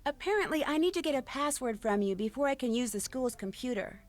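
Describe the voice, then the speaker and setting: High-voiced inquisitive teenage girl. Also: animated, a little fast. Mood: polite, curious. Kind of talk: video game dialogue.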